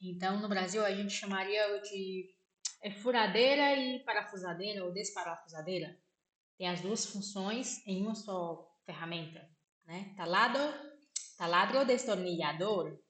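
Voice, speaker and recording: A Brazilian woman with a Brazilian Portuguese accent gives a casual spoken lesson, slowly repeating words and often checking with "né?". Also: medium pitch. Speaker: vlogger teaching vocabulary. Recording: echoey room.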